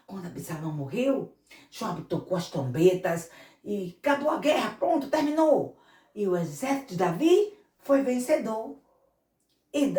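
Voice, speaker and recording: A woman missionary telling a Bible story to children in an animated way, often calling out to them. Her voice sits fairly low and sounds distant in a roomy, echoing space. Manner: animated, addresses children directly. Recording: echoey room, mic far off.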